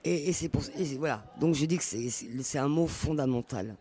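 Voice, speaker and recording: A woman's voice: deep voice, brisk, dark tone. A woman who used to be a street youth worker, telling a story in a live roundtable discussion with earnest, restarting speech. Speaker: former street youth worker, panel participant. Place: community venue during a public event.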